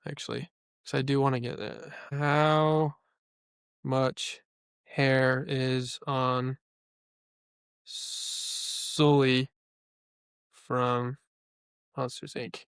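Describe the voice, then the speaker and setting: Smooth-voiced young man, chatty podcast co-host. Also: mid-range voice, little pitch movement, very slow, long pauses, fairly bright tone, no room sound, clean studio sound. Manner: chatty, opinionated, heavy use of "like". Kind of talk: casual chat.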